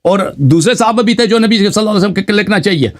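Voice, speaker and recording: On a live call-in show, a man with a high, expressive voice argues in a heated religious debate. He is insistent, pressing the same pointed questions again and again.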